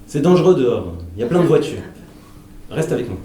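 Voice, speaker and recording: A man's voice: mid-range voice, big pitch swings, fast talker, natural voice. An actor playing a bossy adult man who scolds and coaxes like a parent on a live stage. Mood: scolding. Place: live comedy stage in a theatre. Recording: very echoey, distant, noisy live stage capture.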